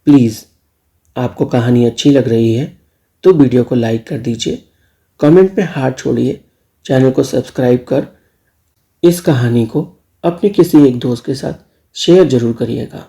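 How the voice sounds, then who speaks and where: Male story narrator, dark mellow tone, slight fry. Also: medium pitch, normal speed, long pauses. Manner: direct appeals to listeners.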